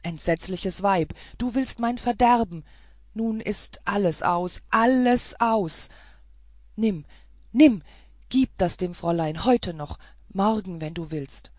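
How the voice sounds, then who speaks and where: A woman voicing a desperate armed young man who shouts his urgent demands and pleas in a storybook reading. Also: mid-range voice, slow, no echo, clean studio sound.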